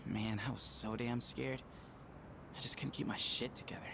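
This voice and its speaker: A man's voice: mid-range voice, fairly even intonation, normal speed, vocal fry, background noise, natural voice. An actor playing a casual, self-deprecating teenage schoolboy in an anime game, with a slangy anime boy voice. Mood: self-blaming. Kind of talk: dubbed anime game dialogue.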